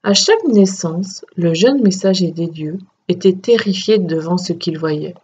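Husky woman reading a myth storybook. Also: lowish voice, a little slow, darkish tone, highs cut off. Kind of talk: storybook narration.

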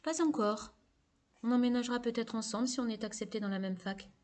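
A woman's voice: a little high, fairly quick, darkish tone, pitched above the performer's own voice, natural voice. A woman voicing an earnest, emotional teenage girl who speaks emphatically, in a novel reading. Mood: emphatic.

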